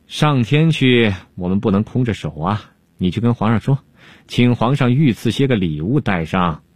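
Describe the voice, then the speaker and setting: A male storyteller puts on a sly old-court jester with a husky, lively voice. He draws out his words and teases without hurry. The sound is close and dry. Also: on the low side, moderate pace, dry recording.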